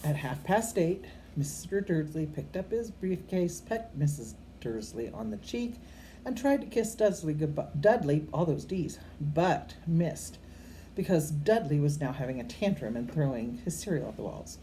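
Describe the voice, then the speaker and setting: A low-voiced older woman reads a story aloud at normal speed, expressively, occasionally stumbling over words and correcting herself. She makes informal asides to children as she goes. The audio is poor, an amateur recording with faint background noise.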